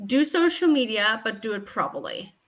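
As a podcast guest, a young woman offers practical advice in conversational interview answers, feeling her way through her wording. Her voice sits a little high and is a bit bright and very animated, at a moderate pace, though the recording sounds muffled.

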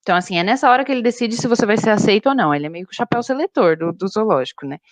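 Animated woman zookeeper telling a story. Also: mid-range voice, rapid-fire, dry recording. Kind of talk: casual chat.

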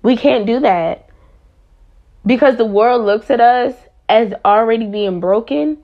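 A woman's voice: fairly high pitch, measured pace, lo-fi sound. A young woman talking in a candid personal monologue, impassioned and blunt, swearing freely as she vents.

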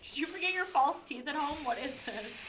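A woman's voice: sits high, expressive, fairly quick, background noise. A woman reading a silly story aloud and teasing her co-host with dry wisecracks. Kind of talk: comedic reading with banter.

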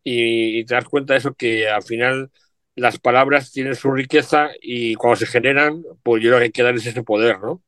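A man's voice: mid-range voice, fairly even intonation, normal speed, fairly bright tone, no echo, studio quality. A middle-aged man chatting reflectively about family words, with frequent asides. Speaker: guest. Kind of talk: casual chat.

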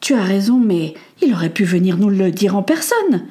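A woman's voice: medium pitch, very animated, normal speed, warm tone, close to an everyday voice. Worried practical landlady for an audiobook, in a woman narrator's voice, stammering. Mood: fretful. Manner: fretful, stammering. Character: worried boarding-house landlady, practical wife.

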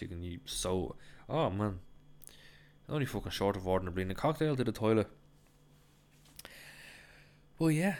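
An Irish man with a very low, deep voice tells a travel story straight to camera. He talks in a loose, chatty way, curses freely and laughs at his own embarrassing moments. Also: slight background noise. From Ireland. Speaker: travel vlogger. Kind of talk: casual anecdote to camera.

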